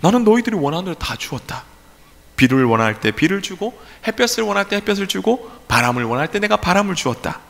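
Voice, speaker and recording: A man's voice: high voice, very animated, vocal fry, fairly bright tone, pitched above the performer's own voice, full character voice. A pastor voicing God as he patiently answers and reproves complaining farmers, in an echoey church hall. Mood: reproving. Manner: measured, reproachful explaining.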